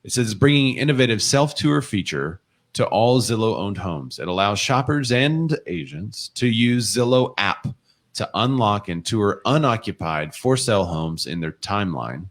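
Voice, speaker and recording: Low-voiced man reading comments aloud. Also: expressive, normal speed. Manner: reads viewer comments and articles aloud, chatty. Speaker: co-host of a real estate show. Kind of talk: casual livestream chat.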